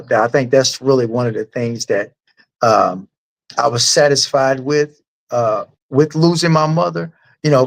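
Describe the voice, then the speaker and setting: A man, a guest author, answering interview questions in a rambling, halting and earnest way. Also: mid-range voice, creaky.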